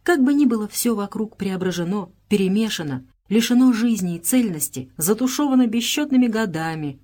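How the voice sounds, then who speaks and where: A woman narrating an audiobook in a measured, even storytelling delivery. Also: medium pitch. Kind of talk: scripted narration.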